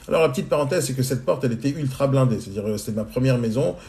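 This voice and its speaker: Brief: quick, animated male storyteller in his forties, slangy and direct, talking to viewers. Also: medium pitch. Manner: animated, colloquial, addresses listener directly. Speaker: entrepreneur answering questions on a live stream. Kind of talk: casual anecdotal storytelling. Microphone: phone mic on a live stream.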